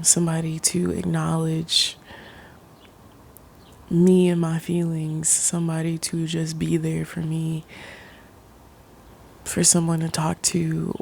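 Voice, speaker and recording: Woman, soft ASMR pep talk, near-whisper, mellow and even-pitched, halting delivery, faint noise behind. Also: creaky. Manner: halting, pausing mid-sentence. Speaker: ASMR creator. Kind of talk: soft-spoken ASMR, reflective personal talk.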